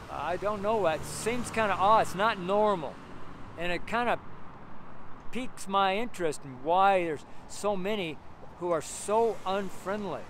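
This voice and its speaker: Rambling street preacher outside by traffic. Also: male voice, sits high. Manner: rambling, emphatic, with chuckles and frequent fillers. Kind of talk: outdoor street sermon. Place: outdoors on a sidewalk by a street. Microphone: camera held close, selfie framing. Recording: outdoor street with audible traffic noise. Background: passing traffic.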